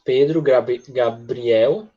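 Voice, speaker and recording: A patient man with a Brazilian accent leads an English class online, modelling phrases for pupils and checking in often with quick tag questions. His voice sits in a middle pitch. The audio is slightly muffled and lo-fi. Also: mellow. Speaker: English teacher.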